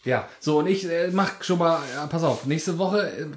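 A man's voice: a little high, normal speed, slight background noise. A man hosting a podcast in a casual chat, joking, teasing and rambling. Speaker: podcast host.

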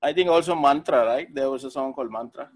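A man's voice: medium pitch, quick pace. A man hosting a podcast, asking questions in casual chat and often restarting his sentences. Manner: restarts questions, frequent listening sounds. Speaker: podcast host.

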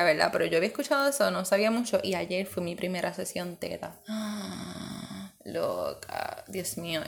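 A woman's voice: mid-range voice, slight background noise. A woman hosting a casual solo podcast, chatting and slipping English words into her talk. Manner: chatty, mixes in English words, many fillers. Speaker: podcast host and coach.

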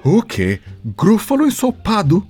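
A man reading a storybook aloud and voicing a big, hungry, slow-witted male monster with drawn-out lines. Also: high voice, wildly swooping pitch, a little mellow, husky, soft background music, pitched above the performer's own voice, exaggerated voice. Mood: hungry, wary.

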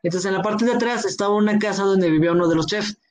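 A man with a Mexican accent telling a story in a slangy, relaxed way and acting out the lines of people in it. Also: sits high, quick pace, a crowd in the background. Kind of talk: casual chat, telling a drinking anecdote.

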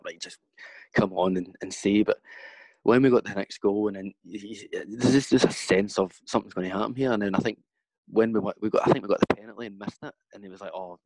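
A man's voice: lowish voice, creaky, darkish tone, dry recording, low-quality recording. A man in his thirties with a broad Scottish accent, chatting casually as a former footballer being interviewed about his career. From Scotland.

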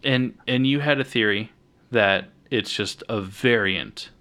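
A man with a fairly low voice chats excitedly about superhero films as a podcast co-host. He jokes around and swears casually. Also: a little slow.

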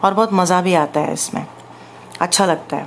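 A woman with an Indian accent, an English language trainer answering interview questions in a measured, explanatory way. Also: on the low side, steady tone, vocal fry.

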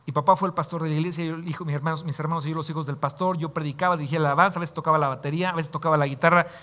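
A man's voice: a little high, fairly even intonation, very fast, bright, forceful tone. A man in his forties, a pastor, telling his own story in a sermon in an emotional, confiding way. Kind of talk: sermon testimony.

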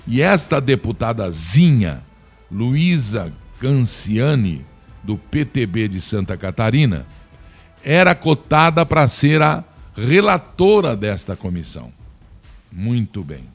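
A man's voice: medium pitch, sing-song, slow pace, slightly rough, soft background music. Indignant Brazilian man ranting about politics. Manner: indignant, scornful, addresses listener directly. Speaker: political commentator. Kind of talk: opinionated political commentary.

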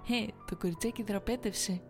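A woman's voice: medium pitch, music in the background, natural voice. A woman voicing a flippant young nurse coworker who teases and mocks in a sarcastic manner. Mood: teasing. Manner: teasing, sarcastic. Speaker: night-shift nurse.

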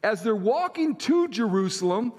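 Male senior pastor, high pitch, conversational sermon delivery, long reverb tail. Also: big pitch swings, normal speed, a little mellow. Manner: conversational storytelling, repeats phrases for emphasis.

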